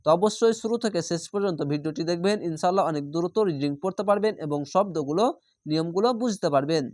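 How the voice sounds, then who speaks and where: A man's voice: high voice, fast talker, darkish tone, no echo, studio quality. Methodical man spelling out a recitation lesson. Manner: methodical, spells syllables then draws out recited words. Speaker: Quran reading teacher.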